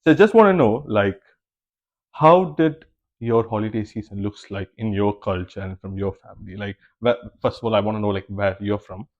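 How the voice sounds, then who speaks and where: A man's voice: fairly low pitch, normal speed, a little mellow, muffled recording. A young man hosting a podcast in casual chat, rambling and teasing with many fillers. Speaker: podcast host.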